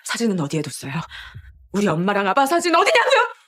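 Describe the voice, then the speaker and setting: A grieving young pregnant woman in a dubbed TV drama. Her husky voice rises and falls widely between pleading and defiance, and she speaks quickly. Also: medium pitch, wildly swooping pitch, fairly bright tone. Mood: defiant, grieving. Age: young adult. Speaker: pregnant niece.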